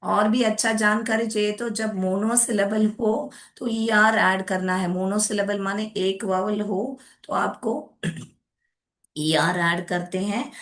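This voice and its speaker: Young woman, classroom teacher, slow and patient, explains step by step, mixes in English words. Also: medium pitch, fairly even intonation, a bit bright. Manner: patient, explaining step by step, addresses pupils as child. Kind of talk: classroom grammar lesson.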